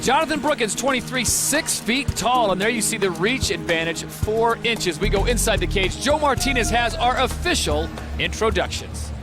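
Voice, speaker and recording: A male sports commentator with a high voice and punchy broadcast delivery. He calls a live fight while loud music plays behind him. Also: animated, normal speed.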